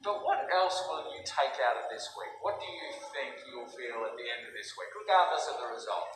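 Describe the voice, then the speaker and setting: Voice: mid-range voice, lively intonation, moderate pace. Distant, echoey off-camera interviewer. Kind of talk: conversational interview questions. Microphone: off camera, far from the mic. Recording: distant, echoey hall, clear background noise.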